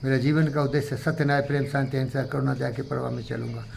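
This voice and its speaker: A man giving an emphatic, moralizing talk to a gathering, preachy, with sudden loud outbursts. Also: mid-range voice, steady tone, fast, vocal fry, slight background noise. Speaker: speaker addressing a gathering. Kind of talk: moralizing motivational speech.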